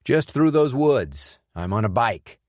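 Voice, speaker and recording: A man voicing a tough former soldier in an audiobook thriller, speaking in clipped, forceful commands. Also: mid-range voice, sing-song, slow pace, dry recording, studio quality, voice pushed up.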